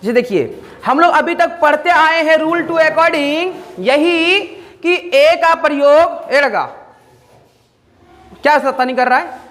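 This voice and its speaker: A man's voice: very high voice, slow, fairly bright tone. A man teaching an English grammar lesson, repeatedly asking the class questions and answering them himself.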